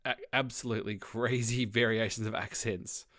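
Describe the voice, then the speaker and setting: A man's voice: fairly low pitch, fairly even intonation, normal speed, a bit bright, dry recording, studio quality. A man co-hosting a podcast, rambling casually with restarts and chuckles. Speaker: podcast co-host. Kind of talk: casual comedic chat.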